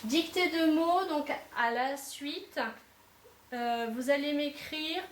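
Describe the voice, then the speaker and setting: A woman teacher giving a dictation to young pupils, pausing between syllables and speaking slowly and clearly. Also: high-pitched. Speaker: primary school teacher. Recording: echoey room, voice from a distance, faint hiss.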